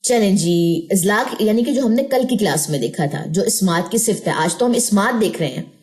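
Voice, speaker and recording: A woman teaching a Quran recitation lesson, explaining patiently and drawing out letter sounds slowly in drills. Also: medium pitch, expressive, a little mellow. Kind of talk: slow tajweed lesson with drawn-out recitation drills.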